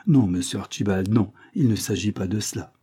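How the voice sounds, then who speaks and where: A man's voice: fairly low pitch, brisk, warm tone, slightly rough. A man voicing a timid, fussy old clerk who talks in apologetic, roundabout circles in a storybook reading. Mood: hesitant.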